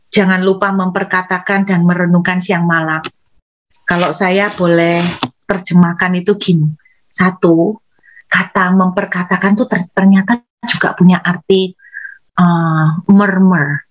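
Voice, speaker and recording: A woman from Indonesia preaches an animated sermon, talking straight to her listeners and leaping into acted outbursts. The recording is dull and lo-fi. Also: fairly low pitch. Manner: animated, addresses congregation directly, acts out angry outbursts.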